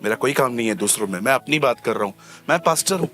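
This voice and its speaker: A man preaching as a pastor, lively and humorous, acting out little scenes and repeating key phrases for emphasis. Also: mid-range voice, quick pace. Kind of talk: sermon.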